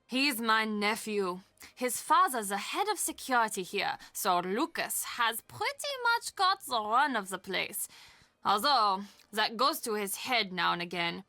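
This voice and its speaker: Bright, animated, chatty middle-aged woman. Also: mid-range voice, a little slow, dry recording, exaggerated voice. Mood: candid. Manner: chatty, expressive, confiding. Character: warm, chatty middle-aged German castle employee and aunt. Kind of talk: video game voice acting.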